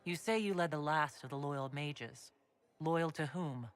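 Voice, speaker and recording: Higher-voiced, composed hero. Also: male voice, measured pace, faint music behind. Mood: composed, questioning. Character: composed, diplomatic male leader of an inquisition. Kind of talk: video game dialogue acting.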